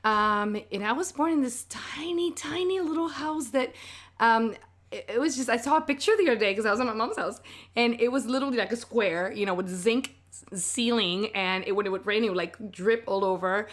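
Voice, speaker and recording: A woman's voice: a little high, brisk. A woman from Venezuela with a Venezuelan Spanish accent, a native Spanish speaker, talking animatedly as a podcast guest and laughing often. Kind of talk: casual chat. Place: podcast recording.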